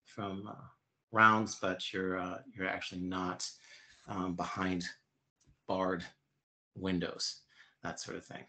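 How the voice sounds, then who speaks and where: Very deep-voiced man in his fifties. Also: completely flat delivery, bright, forceful tone. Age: 50s. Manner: explanatory, halting. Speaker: interview guest. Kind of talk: conversational interview answers.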